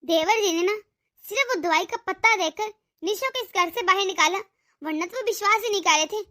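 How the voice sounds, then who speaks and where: A woman voicing a cunning young daughter-in-law in a Hindi cartoon, talking in a sharp, taunting and threatening way. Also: very high voice, fairly quick. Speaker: voice actor.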